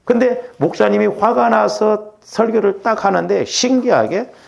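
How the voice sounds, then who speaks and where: A man's voice: high-pitched, a little slow, vocal fry, lo-fi sound. A middle-aged male pastor giving a conversational sermon, often checking in with the congregation. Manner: conversational preaching with rhetorical checks.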